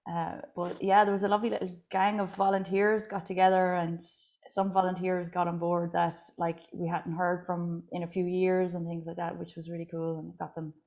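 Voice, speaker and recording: A woman's voice: lowish voice, flat delivery, moderate pace, few pauses, a little mellow. An Irish woman from Ireland chatting casually and easily about volunteers she worked with. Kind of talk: casual conversation.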